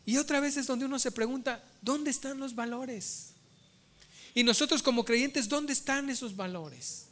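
Male preacher, bright, tense tone, storytelling sermon. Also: very high-pitched, moderate pace. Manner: storytelling, addresses listeners as brothers.

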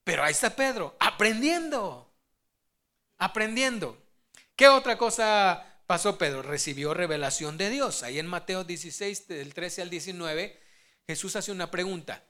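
A preacher delivering a sermon to the congregation with a bright, sharp tone. The story comes out animated, with quoted lines acted out in sudden vivid jumps. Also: mid-range voice, normal speed.

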